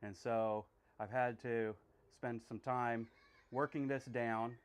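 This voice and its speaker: Man, casual livestream blacksmith, rambling self-deprecating patter, lots of fillers, mid-pitched voice, workshop. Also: steady tone, slow, clear, resonant tone. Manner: chatty, self-deprecating, thinks aloud with many fillers. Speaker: blacksmith streamer. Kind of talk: casual talk while working.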